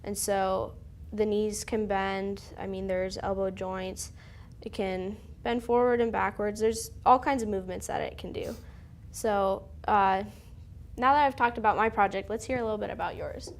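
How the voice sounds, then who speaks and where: A woman's voice: mid-range voice, fairly even intonation, normal speed. A teenage girl, a student filmmaker, chatting in an interview with many fillers. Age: teens. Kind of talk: casual interview.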